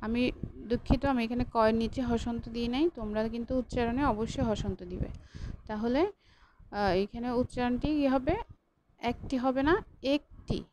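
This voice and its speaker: A woman's voice: a little high, fairly even intonation, brisk, noisy background. A female college lecturer giving an online class, patient and repetitive, stopping to correct her own slips.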